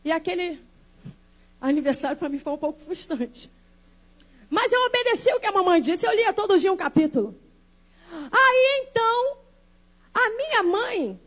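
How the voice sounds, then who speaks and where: Very high-voiced woman giving a church testimony. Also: animated, moderate pace. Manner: dramatic storytelling, acting out voices of family. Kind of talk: emotional testimony sermon.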